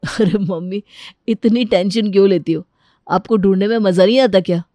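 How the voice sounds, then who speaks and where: A woman's voice: medium pitch, moderate pace, mellow, no echo, studio quality, lightly acted. A woman voicing a laid-back young adult son in a cartoon, lazy and dismissive.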